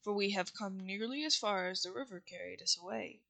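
A woman's voice: mid-range voice, fairly quick, creaky, bright, forceful tone, pitched below the performer's own voice. A woman voicing an earnest, helpful living scarecrow in a children's storybook reading. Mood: matter-of-fact.

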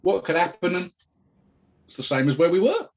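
Dry-witted podcast guest, man, slightly high voice, lo-fi audio. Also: very animated, normal speed. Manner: dry, wry understatement. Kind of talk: casual chat. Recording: dull lo-fi audio.

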